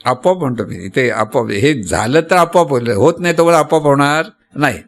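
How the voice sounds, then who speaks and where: A man's voice: medium pitch, animated, a little fast. A man with a Marathi accent giving a devotional sermon, teaching patiently, repeating points and asking the listeners rhetorical questions. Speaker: spiritual teacher.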